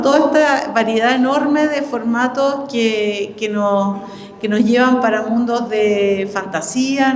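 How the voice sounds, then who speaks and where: A middle-aged library director with a Chilean accent and fairly high pitch opens an indoor exhibition event with an informal welcome, pausing haltingly as she hunts for words. The hall is echoey and reverberant, with faint background noise.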